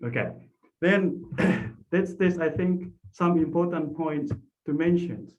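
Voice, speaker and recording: A man with an Indonesian accent lectures informally in a high voice. He takes his time, explaining point by point and often checking that listeners follow. The audio is dull and low in fidelity. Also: slow pace. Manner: explanatory, often checks with listeners using short tag questions. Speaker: lecturer, academic presenter. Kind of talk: informal academic talk on language teaching.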